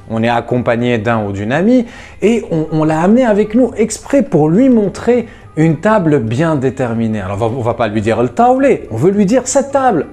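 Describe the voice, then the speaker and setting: A man teaching a language lesson to viewers, explaining patiently and slowing down to spell out words, with a lively, enthusiastic delivery. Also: a little high. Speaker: Lebanese Arabic teacher.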